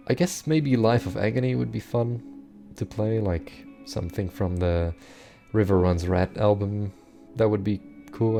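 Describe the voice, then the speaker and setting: A young man with a deep, gravelly voice that is wearing thin. He reads out and answers viewer questions in a dry, self-deprecating way, with a dark, mellow tone and faint music underneath. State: losing his voice. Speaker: bass cover channel host.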